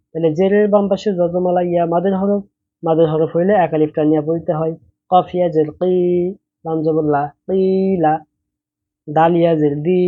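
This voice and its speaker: Male teacher, Bangladeshi Bengali accent, methodical and patient, slightly high voice, dull recording. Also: no room sound. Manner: patient, methodical, repeats each letter and vowel sign. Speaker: Quran reading teacher. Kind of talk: step-by-step spelling lesson.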